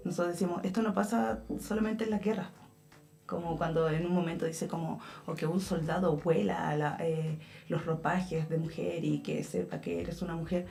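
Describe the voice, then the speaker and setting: A woman with a Chilean accent, an actress, answering as a guest in a radio studio interview and pausing often to search for words. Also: sits low, little pitch movement, vocal fry, warm tone.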